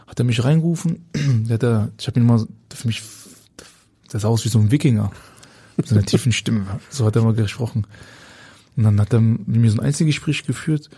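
A man's voice: mid-range voice, a little fast, warm tone, slightly rough, no room sound. A man, a former footballer, telling stories in a loose, colloquial way as a guest in casual conversation, often searching for words. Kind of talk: casual anecdotal storytelling.

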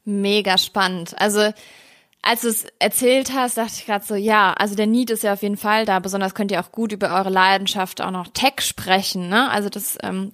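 A woman's voice: medium pitch, fairly bright tone. A woman from Germany hosting a podcast, asking questions in an engaged, reflective way with occasional fillers. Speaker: podcast host. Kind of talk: casual podcast interview.

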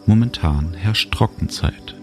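A man narrating a guided relaxation journey, speaking slowly and soothingly. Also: sits low. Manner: slow, calm, soothing. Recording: music bed under voice. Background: music and cricket sounds.

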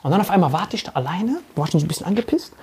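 A man telling a story in a casual podcast chat, animated and full of swearing and mocking impressions. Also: high voice. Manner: fast bursts, often laughing.

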